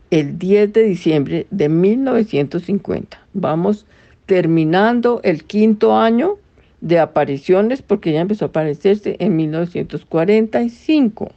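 A woman's voice: medium pitch, animated, a little slow, warm tone. A woman giving a conversational religious talk, explaining to her listeners and reading messages aloud. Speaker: religious teacher. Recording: dull lo-fi recording.

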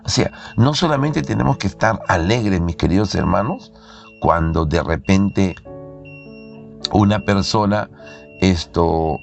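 A low, gravelly male voice delivers an impassioned sermon and leans hard on key words. Faint instrumental music plays underneath him. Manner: fervent, emphatic preaching with sudden raised shouts. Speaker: preacher.

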